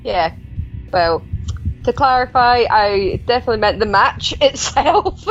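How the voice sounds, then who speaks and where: A woman's voice: fairly high pitch, animated, unhurried, lo-fi sound, soft background music. A woman with a mixed Edinburgh and Glasgow Scottish accent, hosting a podcast in a casual, chatty style. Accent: Scottish, Edinburgh and Glasgow mix. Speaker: podcast host. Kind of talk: casual chat.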